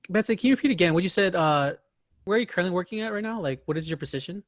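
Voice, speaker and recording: A man's voice: high-pitched, animated, rapid-fire. A man co-hosting an interview show who asks curious questions with enthusiasm. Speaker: co-host.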